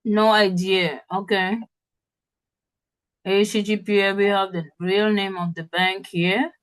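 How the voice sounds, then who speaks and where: A woman's voice: medium pitch, level tone, takes it slowly, clean tone. A woman instructor running an interactive workshop, spelling out web addresses and often checking in with her audience.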